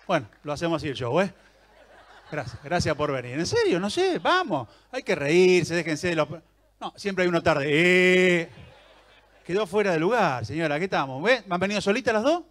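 Man, Argentine accent, stand-up comedian, teasing, chatty, high voice, live theater show. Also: big pitch swings, normal speed, fairly bright tone. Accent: Argentine Rioplatense Spanish. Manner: teasing, chatty, talks to the audience. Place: theater stage before a live audience.

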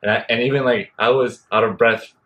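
A man's voice: medium pitch, steady tone, brisk, fairly bright tone. A young man hosting a casual interview, speaking with a stutter, with blocks and repeated words. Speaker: host.

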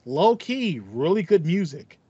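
This podcast co-host has a higher voice, sing-song, mellow and slightly rough, at a measured pace. He's chatting casually about video game music through a headset on a video call. He's indoors in a small home room with foam panels, and the online call audio is slightly muffled and dry, with no room sound.

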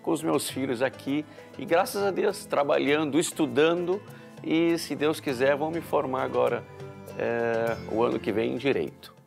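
A man in his fifties from Brazil speaks earnestly about home and family. His voice has a gravelly, fry-laced texture. Soft guitar music plays faintly behind. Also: medium pitch, fairly even intonation, moderate pace. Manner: earnest and heartfelt. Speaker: entrepreneur and law student. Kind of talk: documentary interview. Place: living room at home, indoors.

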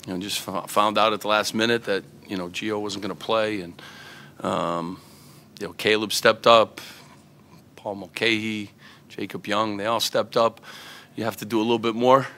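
A middle-aged head basketball coach answers questions at a postgame press conference, seated at a table and picked up by table microphones in the press room. His male voice is low yet bright, with a steady tone and normal speed. He comes across as earnest, with many fillers and restarts.

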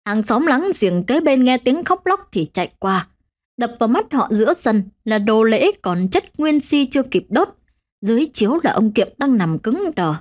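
A woman narrating a ghost story for a channel, with expressive storytelling. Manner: expressive, swinging pitch.

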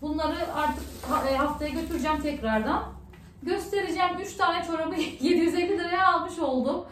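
A woman's voice: very high-pitched, a little fast, a bit bright, reverberant, a little hiss or hum. A woman vlogger chatting casually at home, talking on in an upset, ranting way. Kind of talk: casual vlog chat.

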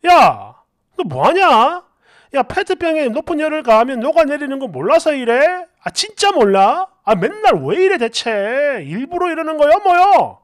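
A scornful, fed-up husband barks and scolds at full volume, as a woman puts him on. The voice sits high and leaps around in pitch. Each line lands as an angry complaint. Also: huge pitch swings, a little slow, dry recording, clean studio sound, exaggerated voice. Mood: exasperated. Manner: loud, exasperated scolding. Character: irritated, scornful adult husband.

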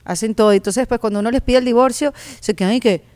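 A woman's voice: on the high side, racing, a little mellow. Woman guest on a podcast, chatty, laughs a lot, keeps the banter going. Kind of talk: casual chat.

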